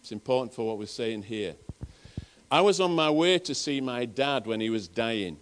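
A man's voice: mid-range voice, expressive, normal speed, slight background noise. A middle-aged man preaching to his congregation in a Northern English accent. He tells personal stories earnestly, circling back and restarting his words as he goes. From England. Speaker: pastor. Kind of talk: sermon.

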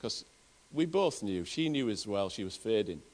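A man's voice: lowish voice, very animated, normal speed, a little mellow. A man with a Northern English accent, preaching a sermon and telling personal stories in an earnest way, often restarting his phrases. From England. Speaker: pastor.

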